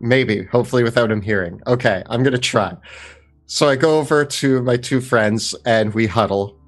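A man's voice: medium pitch, moderate pace. A man chatting casually as a player in a tabletop role-playing game. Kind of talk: casual in-character game chat. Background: music.

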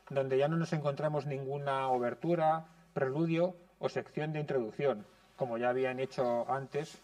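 A man giving a prepared lecture in a conservatory classroom, speaking in a measured, explanatory way. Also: medium pitch, darkish tone, far from the mic.

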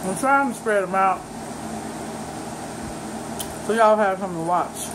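A woman's voice: mid-range voice, expressive, unhurried, noisy background. Woman talking with her mouth full. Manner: chatty, talks straight to viewers. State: talking while chewing. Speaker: food vlogger. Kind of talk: casual eating vlog chat.

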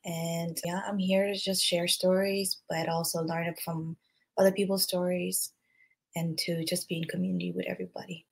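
Heartfelt woman from Vietnam, low voice. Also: flat delivery, moderate pace, vocal fry. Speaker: guest, clinical social worker. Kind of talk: video call interview.

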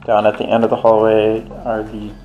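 A man's voice: lowish voice, completely flat delivery, normal speed, phone-quality sound, soft background music. A man talking casually as he leads a group of paranormal investigators on location indoors. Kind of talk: casual on-location ghost-hunt talk. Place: indoors in a dark theater.

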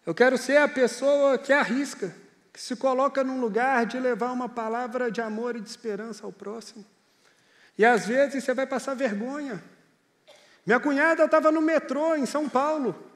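A male pastor preaches in an earnest, chatty way, telling stories to his listeners. His voice sits very high for a man. It rings out with the long reverb of a church hall. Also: moderate pace. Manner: earnest, conversational storytelling. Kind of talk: sermon.

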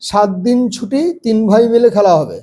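A man's voice: sits high, expressive, normal speed, warm tone. A man teaching young children from a textbook, patiently spelling words out letter by letter. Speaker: primary school teacher.

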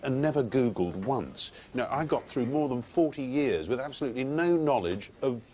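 A man's voice: medium pitch, expressive, normal speed, mellow, a little hiss or hum, lightly acted. An actor playing a hesitant, bumbling male politician who stammers over his words.

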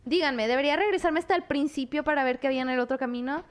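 A woman's voice: high voice, very fast. A young woman streaming a horror game, jumpy and exclaiming at scares while talking to her chat. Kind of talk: gaming commentary.

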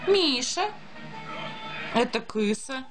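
High-voiced woman reading to a toddler. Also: lively intonation, takes it slowly, music in the background. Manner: sing-song child-directed talk with repeated questions and animal sounds. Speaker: mother. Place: dim room at home. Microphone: handheld phone nearby.

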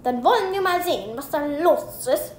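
A woman's voice: high-pitched, animated, moderate pace, slight background noise. A woman voicing a strict female schoolteacher who scolds her class, read from a storybook in a raised, stern voice. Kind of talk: storybook reading. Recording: roomy echo.

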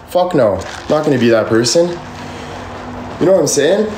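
A man's voice: on the high side, expressive, normal speed, a little mellow, slight background noise. A man in his twenties venting on a livestream, rambling, defensive and emphatic, swearing freely, filmed on a phone in his bedroom. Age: 20s. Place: bedroom with ceiling fan, indoors. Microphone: phone camera at arm's length. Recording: echoey room.

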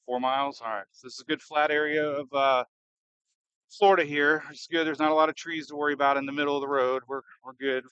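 A man giving casual, excitable live storm-chasing commentary, thinking aloud and firing off questions as he drives. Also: fairly high pitch, fast, smooth, dry recording, muffled recording. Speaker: storm chaser and livestream host. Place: inside a moving car in a storm.

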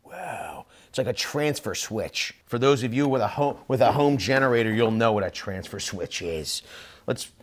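A man's voice: mid-range voice, normal speed, a little hiss or hum. Chatty man reviewing tools in a workshop. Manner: lively, chatty, excited while testing tools. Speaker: tool reviewer. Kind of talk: casual product review. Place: workshop, indoors.

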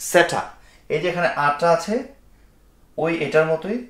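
A man's voice: a little high, moderate pace, a bit bright. A man giving a spoken English pronunciation lesson, explaining step by step, spelling out letters and mixing in English phrases. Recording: roomy echo.

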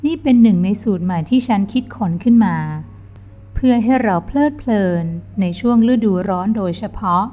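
A woman voicing a sweet gentle chef. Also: mid-range voice, animated, moderate pace, natural voice. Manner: gentle, polite. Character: gentle young female chef, sweet and teasing. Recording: dull lo-fi with faint music.

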